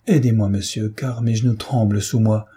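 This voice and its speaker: A man's voice: fairly low pitch, fairly even intonation, moderate pace, dark tone, husky. A man voicing an anxious old father, pleading and fretful.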